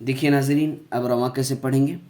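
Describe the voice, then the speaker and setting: A man teaching Quran reading, spelling out letters and syllables slowly and explaining rules in quicker asides. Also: mid-range voice, little pitch movement. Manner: slow drawn-out syllable drills, then fast quieter explanations.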